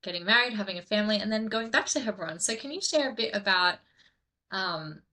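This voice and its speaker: A woman hosting a podcast in a relaxed, chatty way, laughing easily and dropping into soft asides. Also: medium pitch, fairly quick. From grew up in southern India. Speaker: podcast host. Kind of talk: casual podcast chat.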